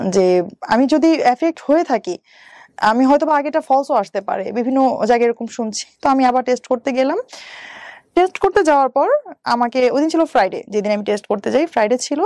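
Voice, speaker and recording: This interview guest is a bank employee in her thirties with a Bangladeshi accent, walking through a personal story one step at a time and slipping in some English words. She has a fairly high, darkish voice, captured dry in a clean studio.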